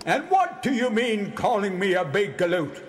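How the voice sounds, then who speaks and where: A man's voice: high voice, very animated, moderate pace. A man playing a grand, kindly beast who was once a magistrate, with a theatrical cartoon bellow, in a children's audio drama. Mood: blustering, indignant. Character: former magistrate turned big cave beast, grand and kindly.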